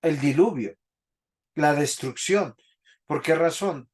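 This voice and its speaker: A man with a slightly high, somewhat mellow voice and a breathy edge speaks slowly. He is teaching a Bible class in a church, preaching in a didactic way and posing questions to the congregation.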